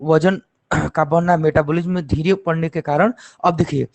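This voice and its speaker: A man's voice: a little high, steady tone, moderate pace, gravelly, no room sound. A man teaching a lesson, explaining step by step and asking and answering his own questions. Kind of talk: classroom lecture.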